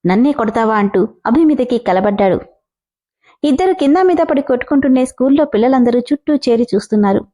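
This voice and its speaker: A woman narrating a storybook in a calm, steady storytelling manner. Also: sits high, fast.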